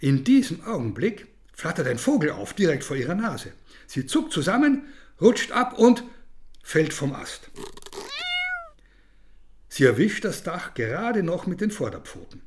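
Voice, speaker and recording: A man narrating a children's story in an expressive, storytelling manner. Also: on the high side, unhurried.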